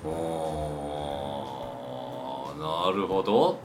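A man's voice: rumbling low, very slow. A man with a Kansai Japanese accent chatting casually and thoughtfully as a co-host. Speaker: podcast co-host. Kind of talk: casual reflective chat. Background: background music.

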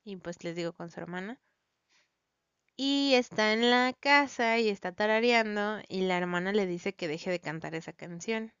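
A woman's voice: mid-range voice, normal speed, a bit bright, clean tone, dry recording, lo-fi sound. A woman with a Mexican Spanish accent casually retells a story for her viewers in a slangy, rambling way, full of fillers and restarts. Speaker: vlogger recounting a story.

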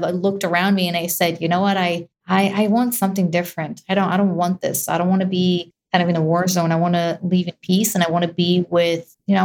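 Young woman guest. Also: fairly low pitch. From Israel. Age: young adult. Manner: many fillers and restarts, varied pace. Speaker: real estate investor and guest. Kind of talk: casual interview conversation. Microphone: video call.

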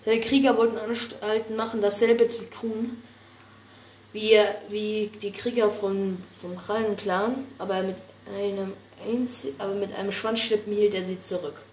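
A woman narrating an improvised animal tale, lively and often restarting her words. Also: medium pitch, a little slow, distant mic. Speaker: storyteller. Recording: echoey room, faint background noise.

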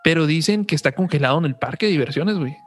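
With music in the background, a podcast host with a Mexican accent talks informally and reads aloud, often correcting himself. His voice is a little high and animated, and he races along.

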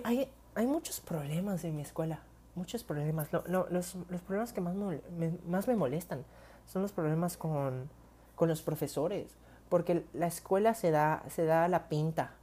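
A young woman with a low voice and a Mexican Spanish accent tells stories straight to her viewers. She keeps it casual, full of slang, and breaks into whispered asides as she acts out her own stories. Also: breathy edge. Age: young adult. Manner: chatty, slangy, animated retelling with whispered asides. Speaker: vlogger. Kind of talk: casual storytelling to camera.

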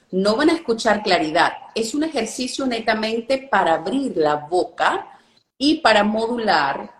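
A woman's voice: medium pitch, reverberant. A woman explaining speaking techniques as a guest coach, checking in with listeners often. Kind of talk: instructional live-stream talk.

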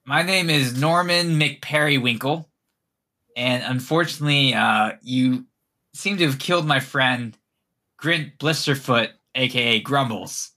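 A man voicing a tiny elf townsman in a tabletop game, squeaky, rambling and politely exasperated, with casual swearing. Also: unhurried, pushed and bright. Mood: bewildered, rambling.

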